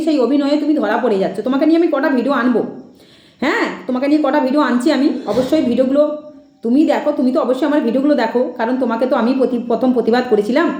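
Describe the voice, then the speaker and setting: Woman, high and quick, scolding monologue, mocking tone. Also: dark tone, reverberant. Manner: scolding and mocking, mimics the rival's words. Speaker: social media commentator. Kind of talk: critical monologue addressed to a rival.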